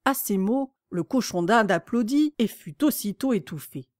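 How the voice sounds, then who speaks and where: A woman narrating a children's classic as an audiobook, reading in a clear, measured way. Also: mid-range voice, lively intonation, a little mellow, no room sound, studio quality. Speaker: audiobook reader. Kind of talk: storybook narration.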